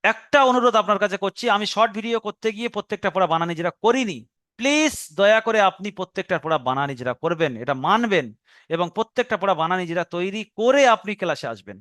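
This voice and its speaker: A man with a Bengali accent teaches a recorded Quran reading lesson, explaining each step patiently. His voice sits high and comes across smooth and clear. The sound is close and dry. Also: animated, fairly bright tone, dry recording. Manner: patient step-by-step explaining, slow drawn-out recitation of example words.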